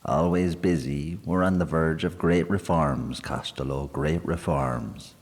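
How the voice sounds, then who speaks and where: In a steady, unhurried bass, a man voices a hearty barrister-politician in his forties who brags pompously and smugly while holding court in a pub. Long hall reverb colors the recording.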